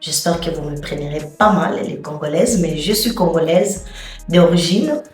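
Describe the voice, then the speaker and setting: A woman from Angola chatting casually to camera as a vlogger, unhurried and chatty, with frequent hesitant fillers. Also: low voice, lively intonation. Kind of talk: casual unboxing chat to camera. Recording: echoey room from a distance, soft music.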